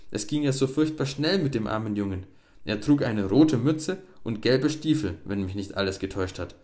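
A man voicing a loud, blustering miller who shouts in a frantic, high-strung way. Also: expressive, moderate pace, natural voice. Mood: distressed.

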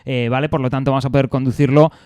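A man's voice: mid-range voice, level tone, rapid-fire, darkish tone, clean tone, dry recording. A man co-hosting a casual chat about cars and motorbikes, explaining things patiently with many fillers and restarts. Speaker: co-host, motorcycle expert.

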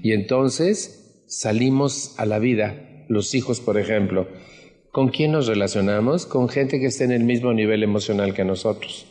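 A man's voice: lowish voice, moderate pace, darkish tone, big-room sound. A middle-aged Mexican man with a Mexican Spanish accent gives an earnest personal testimony at a support group meeting, often putting questions to the audience.

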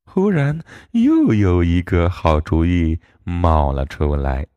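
Calm children's story narrator, deep and unhurried, lots of pitch movement. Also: male voice, dry recording, highs cut off. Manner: slow, expressive, animated.

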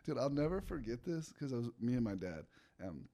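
A man's voice: medium pitch, very animated, brisk, dark tone. Laid-back young man telling a story. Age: young adult. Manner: laid-back, laughs often, filler-heavy. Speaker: guest, pitcher. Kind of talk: casual storytelling chat.

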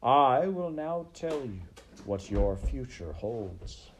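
A man's voice: medium pitch, sing-song, slow, background noise, voice pushed up. A man voicing a spiteful, commanding storybook rat villain who speaks with cold, pompous menace. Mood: gloating.

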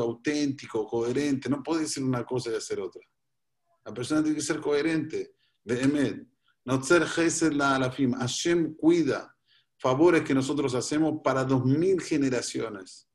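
Male rabbi teaching, patient and explanatory, repeats phrases for emphasis. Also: medium pitch. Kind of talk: religious teaching in a talk.

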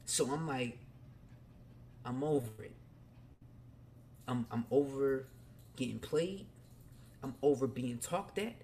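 A man's voice: mid-range voice, takes it slowly, long pauses, warm tone, a little hiss or hum. A man hosting a podcast, telling a personal story candidly in casual slang and speaking straight to his listeners. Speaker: podcast host.

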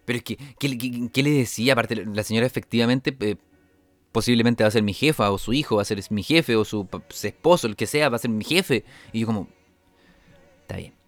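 In a dry recording, a young comedian host with a Chilean accent rattles through rambling comic stories of his stand-up shows, full of restarts and sound effects. His voice is mid-range and he talks fast.

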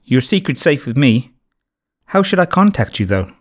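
A man voicing an excited, curious young schoolgirl who asks eager questions. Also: mid-range voice, normal speed, pitched above the performer's own voice.

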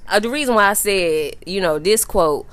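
A young woman with a Southern US accent hosting a casual podcast chat, animated and swearing freely. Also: mid-range voice, moderate pace. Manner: animated, cussing, fillers like "you know what I'm saying". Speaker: podcast host.

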